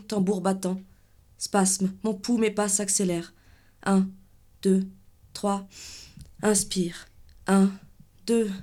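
A woman giving a dramatic literary reading, with an intense, measured delivery in short clipped phrases. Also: medium pitch, warm tone.

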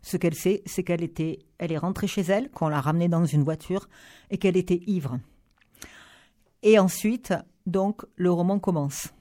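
A woman with a low, mellow voice speaks at normal speed as a guest book critic on a radio show. She talks through novels in a chatty review, using frequent fillers and restarts.

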